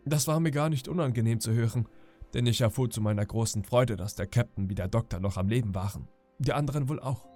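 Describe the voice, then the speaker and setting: A man calmly narrating an audiobook meant for falling asleep to. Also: medium pitch, fast talker, soft background music. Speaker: audiobook reader. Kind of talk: calm bedtime audiobook narration.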